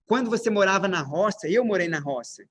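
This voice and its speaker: A man with a high, light voice and a Brazilian Portuguese accent delivers a parenting lecture. He keeps asking the room questions and answers them himself, in the steady, emphatic way of a teacher walking through his slides. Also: fairly quick, slightly rough. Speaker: parenting speaker.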